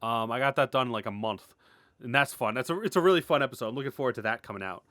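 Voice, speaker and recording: Speaking very fast in a medium-pitched, fairly bright voice, this indie animator and writer gives an unscripted, gushing update to followers. The studio-quality audio has no room sound, and his informal rambling is thick with "like".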